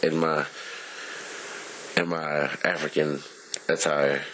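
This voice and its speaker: Male co-host, very low voice, playful teasing delivery, faint background hum. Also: flat delivery, a bit bright, rough recording. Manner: joking, teasing, quick interjections. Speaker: podcast co-host. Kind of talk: casual chat about movies and sports.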